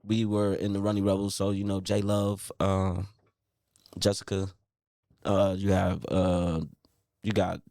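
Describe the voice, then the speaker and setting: A man in his late thirties, an R&B singer, telling his story in a relaxed interview with lots of fillers and restarts. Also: low-pitched, a little slow, pauses often, no echo, clean studio sound. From Milwaukee, raised in Baltimore. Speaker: R&B singer, guest. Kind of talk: casual interview chat. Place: radio studio.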